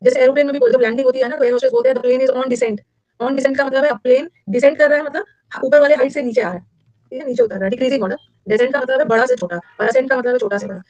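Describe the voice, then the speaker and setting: Her high, darkish voice holds fairly even intonation as this Indian woman explains English words in a live online class. A competitive-exam teacher, she is fast and chatty, mixing Hindi with English, in a dry recording with the highs cut off.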